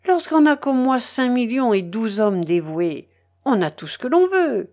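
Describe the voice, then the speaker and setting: A woman reading aloud voices a fierce, sardonic male pirate, dropping her voice low and sounding threatening. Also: sing-song, measured pace, a little mellow, heavily acted. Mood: menacing. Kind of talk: dramatic reading of a novel.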